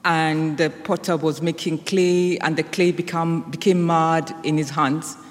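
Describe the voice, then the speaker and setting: A woman with a Kenyan accent giving an informal personal testimony to a congregation. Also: deep voice. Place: large indoor church or hall. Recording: echoey hall with long reverb.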